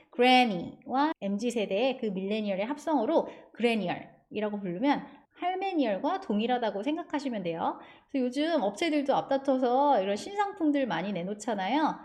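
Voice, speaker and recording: A Korean-speaking woman teaching an English lesson, patiently drilling words for students to repeat. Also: on the high side. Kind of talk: online English grammar lesson.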